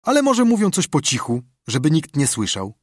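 A man voicing an excitable, bossy boy adventurer who exclaims eagerly, in a storybook reading. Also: a little high, a little fast, slightly rough, no room sound, studio quality. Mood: musing.

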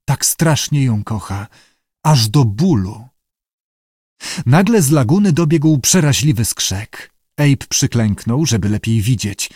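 Man narrating an audiobook, steady measured read, dry close sound. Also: medium pitch, slightly rough, no room sound. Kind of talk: scripted narration.

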